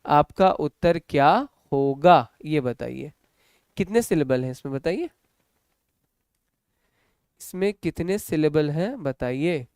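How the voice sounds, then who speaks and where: An Indian man with a Hindi-speaking North Indian accent, teaching an English class online, asking questions and answering them himself, and sounding words out slowly. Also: fairly high pitch, lively intonation, darkish tone, clean tone, no echo, clean studio sound.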